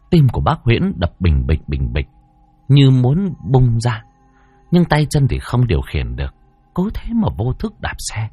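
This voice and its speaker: A man narrating a spooky folk tale in a dramatic, expressive way. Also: medium pitch, husky, dry recording, muffled recording. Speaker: storyteller.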